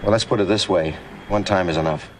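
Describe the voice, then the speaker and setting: An actor playing a wisecracking weary comic. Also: male voice, low-pitched, brisk, background noise, lightly acted. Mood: wry. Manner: dry self-mocking wisecracks. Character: wisecracking weary male burlesque comedian. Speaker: burlesque comic. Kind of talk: 1950s film dialogue. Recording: 1950s film soundtrack with music.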